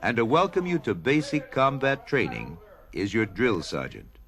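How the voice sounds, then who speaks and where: Man, narrator, scripted documentary read, medium pitch, animated melody. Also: normal speed.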